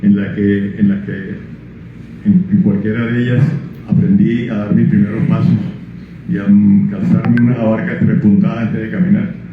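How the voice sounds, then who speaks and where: Presenting his book at an event, an older Colombian man reads the prologue and answers questions in a lowish, flat voice, halting with frequent fillers and restarts when unscripted. A crowd can be heard behind him, and the echoey room reaches us over a tinny lo-fi line.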